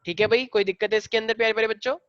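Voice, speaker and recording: A man's voice: sits high, fairly even intonation, very fast, fairly bright tone, smooth, no room sound, lo-fi sound. A male biology teacher lecturing a classroom in a chatty way, often quizzing his students.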